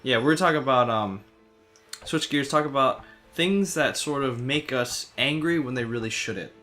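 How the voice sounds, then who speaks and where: A man's voice: mid-range voice, normal speed, sharp tone, soft background music. A man co-hosting a let's play, talking in a loose, casual conversational style. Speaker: gaming show co-host. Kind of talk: casual chat.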